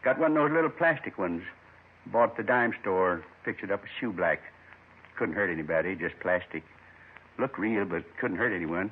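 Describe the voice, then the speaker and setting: This muffled 1950s radio drama recording features a lonely man in his seventies confessing in short, plain phrases, rambling wistfully in a gentle, folksy way. His husky voice sits low and is expressive at a normal pace, while his mood stays matter-of-fact.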